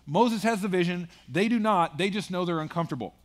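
High-voiced man preaching a sermon. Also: a little fast. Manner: conversational preaching with asides and humor. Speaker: pastor.

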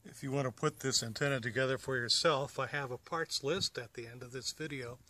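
Brisk, pushed and bright, a mid-range American voice explains a home-built antenna step by step, as a radio hobbyist host from the United States giving a casual, plain-spoken how-to. He stands outdoors beside a parked car, and the clear recording includes background noise and outdoor ambience.

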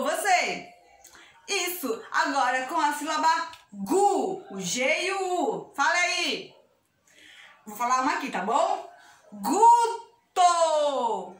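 A young Brazilian woman teaches small children in a high, bright, sing-song voice that swoops up and down. She is unhurried and encouraging, and talks straight to the kids. She is recorded from a distance in an echoey room. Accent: Brazilian Portuguese. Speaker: preschool teacher. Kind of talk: video lesson for young children.

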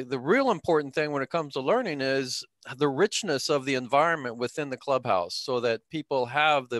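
Measured man, dry sound. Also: mid-range voice, no echo. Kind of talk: video call discussion.

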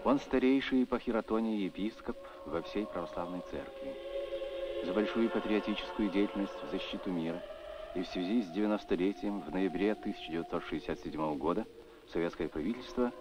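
A man giving a formal, measured voice-over in the style of a 1960s newsreel narrator. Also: low-pitched, noisy background. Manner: formal, measured announcer delivery. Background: music.

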